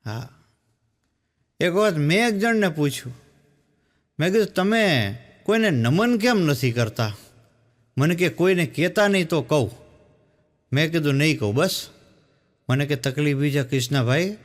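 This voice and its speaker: A man performs stand-up on stage. He tells his jokes as little stories in a somewhat high voice and drops his tone to act out the people he quotes. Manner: storytelling, acts out quoted speakers in lowered voice. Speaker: stand-up comedian. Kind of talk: stand-up joke telling on stage.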